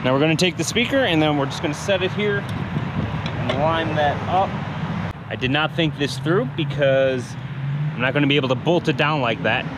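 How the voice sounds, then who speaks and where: A man hosts a DIY how-to video outdoors beside a vehicle in daylight, thinking aloud informally as he works. His voice is on the high side at normal speed, and the action camera held or mounted near him picks up clear outdoor background noise.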